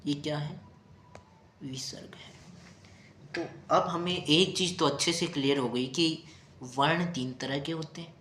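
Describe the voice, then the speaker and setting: A man's voice: fairly high pitch, steady tone, normal speed, sharp tone, slight background noise. A male teacher giving a grammar lesson, patiently repeating key terms and asking his students rhetorical questions. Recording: roomy echo.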